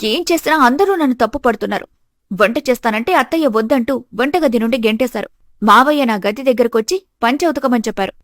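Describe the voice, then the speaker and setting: A woman's voice: on the high side, a little fast, no room sound, studio quality, lightly acted. A woman voicing an earnest, wronged young daughter-in-law in a storybook tale. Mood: pleading. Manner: earnest, pleading.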